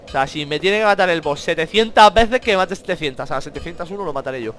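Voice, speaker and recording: Excitable swearing Spanish gamer man. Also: on the high side, fast, slight background noise. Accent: Spain Spanish. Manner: excitable, swears a lot, talks to the enemies. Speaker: gamer playing a video game. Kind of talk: let's-play commentary.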